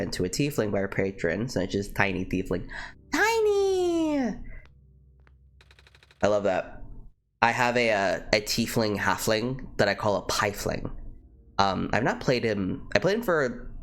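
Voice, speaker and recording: Animated streamer thinking aloud. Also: low voice, creaky. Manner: rambling, thinking aloud while playing. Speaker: game streamer. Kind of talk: casual let's-play commentary.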